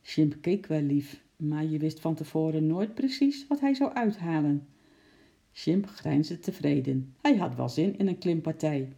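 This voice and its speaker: A narrator reading a children's story aloud in a calm, even manner. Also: mid-range voice, unhurried, vocal fry. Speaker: audiobook narrator.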